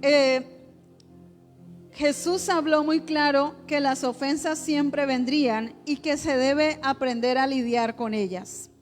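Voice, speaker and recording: A woman's voice: high voice, fairly even intonation, slow, faint music behind. A woman pastor, preaching a sermon in a conversational way, with rhetorical questions to the congregation.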